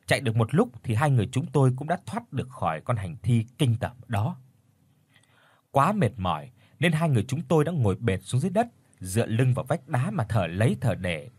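Male narrator for a ghost story, husky, animated pitch, dramatic delivery. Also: fairly quick, dry recording. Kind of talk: scripted horror story narration.

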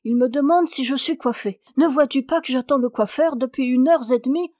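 A woman's voice: high-pitched, lively intonation, moderate pace, darkish tone, dry recording, clean studio sound. A woman reading aloud, voicing an imperious, impatient young wife who scolds sharply. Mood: furious. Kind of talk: audiobook character reading.

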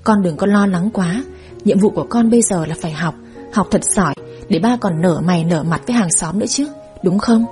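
A woman voicing a gentle, hard-working father who soothes and reassures his daughter. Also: lowish voice, brisk, soft background music, natural voice. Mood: soothing.

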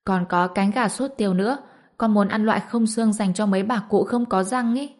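A woman's voice: medium pitch, steady tone, normal speed, a little mellow, natural voice. A woman narrator voicing a young woman's ghost who coaxes her mother sweetly in a storybook reading. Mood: coaxing. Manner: sweet, coaxing.

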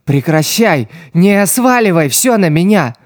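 A man reading an audiobook voices a desperate, loyal teenage street boy who shouts and pleads in a raised voice. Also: fairly high pitch, sing-song, slow, no room sound, studio quality. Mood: desperate, pleading.

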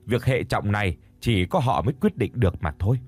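A man's voice: fairly low pitch, expressive, fairly quick, a little mellow, slightly rough. A man voicing a grieving adopted son, tearful and pleading, in a narrated ghost story. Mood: urgent. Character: grieving adopted son, middle-aged husband.

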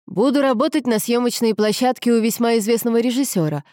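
A woman's voice: fairly high pitch, fast talker, darkish tone, dry recording, clean studio sound, pitched above the performer's own voice, lightly acted. A woman reading an audiobook, voicing a wry, easygoing male photographer. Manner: wry, sighing.

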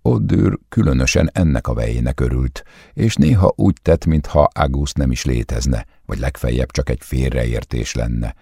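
A man reading a novel aloud as a calm, measured audiobook narrator. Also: extremely low pitch, creaky, breathy edge, no room sound, clean studio sound. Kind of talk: scripted narration.

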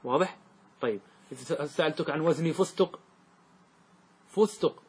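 A man's voice: fairly high pitch, normal speed, a little hiss or hum. A man teaching a grammar lesson in a classroom, quizzing his students and having them answer back. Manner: questioning, drills students in call and answer.

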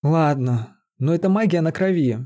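A man voicing a frightened, hot-tempered young woman with a shrill, hysterical manner in an audiobook, his voice lifted well above his own. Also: animated, normal speed, mellow, natural voice. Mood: curt.

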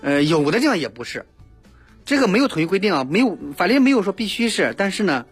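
A man's voice: sits high, big pitch swings, fast, husky, faint music behind. A man giving spontaneous legal advice as a radio guest, emphatic and repeating himself.

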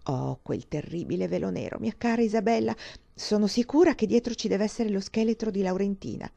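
An innocent, excitable young woman, voiced by a woman reader in a dramatized audiobook, bursting with eager, breathless exclamations. Her tone is dark and mellow. The reading is calm and steady. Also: medium pitch, fairly quick, gravelly, no room sound.

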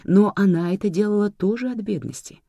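Expressive audiobook narrator. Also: medium pitch, fairly quick, gravelly, no room sound, studio quality.

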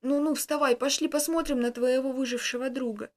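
A woman voicing a kindly old village grandmother with a hoarse voice, fussing and soothing. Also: high voice, moderate pace.

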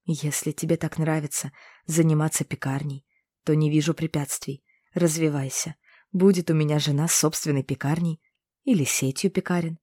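A woman voicing a calm young male inquisitor who explains things patiently and teases gently. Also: deep voice, moderate pace, dry recording. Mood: amused.

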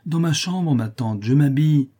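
A man's voice: lowish voice, fairly even intonation, brisk, warm tone, husky. A man voicing a proud young woman in an audiobook, curt, cold and disdainful.

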